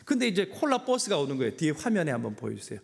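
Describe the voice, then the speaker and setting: A middle-aged man preaching in a church, his fairly high voice rising and falling broadly as he spins a personal story. He mixes humor with emotional moments and leans into each turn of the tale. Long reverb from the sanctuary trails after each phrase. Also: very animated, very fast, vocal fry. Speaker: pastor. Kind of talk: sermon.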